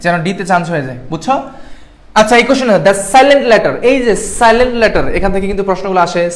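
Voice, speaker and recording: With a high pitch and lively intonation, a young Bangladeshi man runs a live online class as an admission exam tutor. He goes quickly and checks in with his students often, asking them questions.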